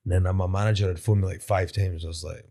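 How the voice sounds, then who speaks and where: A man's voice: sits low, fairly even intonation, fast talker, mellow. Laid-back Scottish man telling a story. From Scotland. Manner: swears freely, laughs often, rambling anecdotes. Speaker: podcast guest, mixed martial arts fighter. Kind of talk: casual storytelling interview.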